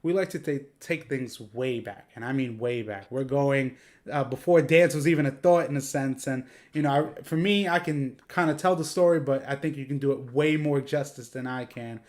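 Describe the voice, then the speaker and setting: A man's voice: medium pitch, normal speed, darkish tone. A man hosting a podcast interview, rambling through long questions full of fillers. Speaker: podcast host.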